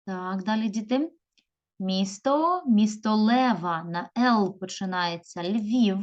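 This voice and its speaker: A woman teaching a video lesson to young pupils, drawing words out slowly and calling them children. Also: mid-range voice, expressive, dull audio. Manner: slow, drawn-out stressing of words; addresses pupils warmly as children. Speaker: primary school teacher.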